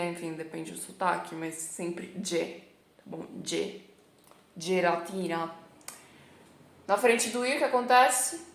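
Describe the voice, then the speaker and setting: A woman's voice: on the low side, reverberant. A Brazilian woman with a Brazilian Portuguese accent teaching an online language lesson, repeating each sound several times. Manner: explains sounds slowly, repeating them many times. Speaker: Italian teacher. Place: lives in Italy.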